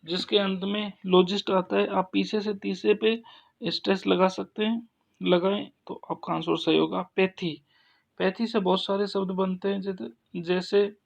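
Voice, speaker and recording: A man teaching an English grammar lesson, explaining slowly with frequent pauses and restarts. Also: sits high, creaky. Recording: dull lo-fi sound.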